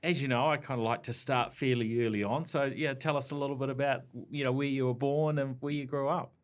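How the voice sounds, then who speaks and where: A man's voice: mid-range voice, steady tone, brisk. A man with a New Zealand accent hosting a business podcast, friendly and loose, with many fillers and restarts. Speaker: podcast host. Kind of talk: podcast interview.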